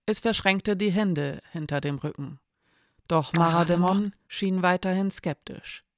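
A narrator reading a dark fantasy story aloud in a measured, even storytelling manner. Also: mid-range voice, a little hiss or hum.

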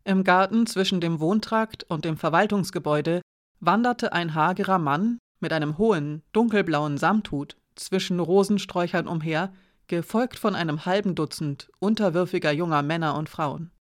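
An audiobook narrator reading a fantasy novel in steady scripted narration. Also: mid-range voice, moderate pace, no echo, studio quality. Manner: steady storytelling.

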